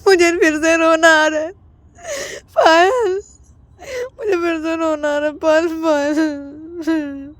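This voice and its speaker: A woman's voice: sits high, fairly even intonation, a little fast, darkish tone, no echo, pitched above the performer's own voice. A woman voicing a clingy young woman who fake-cries and whines, stammering, to keep her lover close. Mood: whiny crying. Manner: whiny, tearful, stammering. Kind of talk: storytelling role-play.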